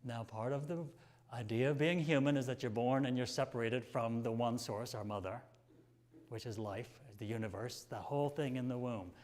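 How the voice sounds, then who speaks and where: A male minister preaching a sermon, reading passages aloud, slow and tender on some lines and rising with emphasis on others, sometimes dropping almost to a whisper. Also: mid-range voice. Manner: drops to a near whisper at quiet moments.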